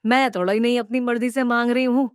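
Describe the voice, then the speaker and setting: A woman plays a greedy cartoon mother-in-law who nags and bosses her daughter-in-law around. Her voice is smooth and clear, recorded dry and close with no room sound. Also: a little high, fairly even intonation, fast, dry recording, natural voice. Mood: demanding. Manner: bossy, nagging, demanding. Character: greedy scheming middle-aged mother-in-law. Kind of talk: cartoon voice acting.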